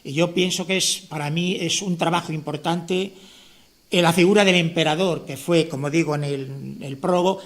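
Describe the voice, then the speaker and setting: A man's voice: on the high side, a bit bright. Rambling man presenting his novel. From La Mancha, Spain. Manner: rambling, with frequent restarts and "¿no?" tag questions. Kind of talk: informal speech at a book presentation.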